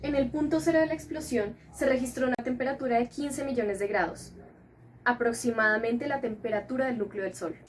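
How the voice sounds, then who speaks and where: A woman with a fairly high voice reads a prepared script in a steady, informative way. A faint hiss of noise sits under her voice. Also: fairly quick. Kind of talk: scripted reading.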